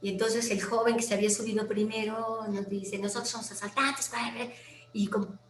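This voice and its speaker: A woman with a Mexican accent, a guest telling a personal story in a lively way, acting out quoted voices and sometimes dropping to a near whisper. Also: medium pitch, normal speed, soft background music. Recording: roomy with faint background noise.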